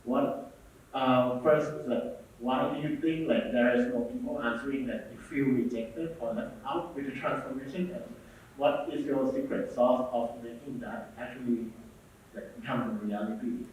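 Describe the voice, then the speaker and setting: A man's voice: mid-range voice, steady tone, moderate pace, a little mellow, a little hiss or hum. A man interviewing on stage, asking a long rambling question with many fillers. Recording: echoey hall, speaker far from mic.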